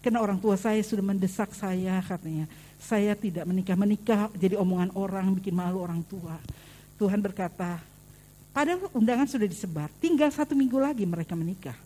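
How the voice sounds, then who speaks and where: A woman's voice: a little fast, dark tone. A woman with a Javanese accent preaching a sermon in church, telling stories and acting out the voices of the people in them. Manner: storytelling, acts out quoted voices, rises high on pleas.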